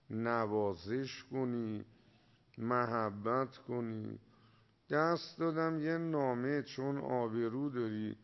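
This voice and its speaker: A man delivers a sermon in an ordinary mid-range voice, slowing down to lean on his key words. He presses his listeners with pointed rhetorical questions. The recording sounds muffled and lo-fi. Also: mid-range voice. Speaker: preacher. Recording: dull lo-fi recording.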